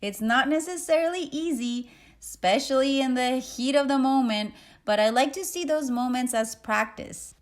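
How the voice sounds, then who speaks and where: A woman in her thirties, a yoga and meditation teacher, speaking in a slow, gentle, reflective way as she guides a meditation. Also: fairly high pitch. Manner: slow, gentle, reflective delivery with guiding pauses.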